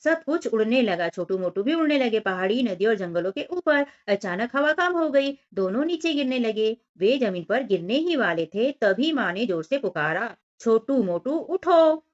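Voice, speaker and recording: Slow, patient teacher woman. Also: on the high side, lively intonation, highs cut off. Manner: slow, drawn-out syllable-by-syllable reading; addresses children directly with simple explanations. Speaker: primary school teacher. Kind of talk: workbook lesson walkthrough for young children.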